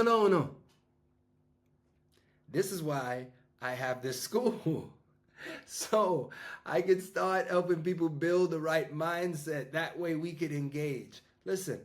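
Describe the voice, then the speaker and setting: A fifty-year-old man, a business coach talking casually to his audience in a rambling way, full of restarts and fillers. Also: on the high side. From New York. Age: 50s. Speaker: business coach and school founder.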